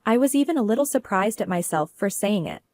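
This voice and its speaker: A woman telling a first-person story as narrator, in a steady, earnest way. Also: medium pitch, brisk, no room sound.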